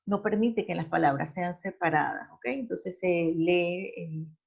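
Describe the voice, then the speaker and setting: A woman's voice: lowish voice, measured pace, vocal fry, a little mellow, breathy edge. A woman teacher giving a class, explaining step by step, repeating herself and correcting herself often. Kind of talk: online class lecture. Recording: dull lo-fi recording.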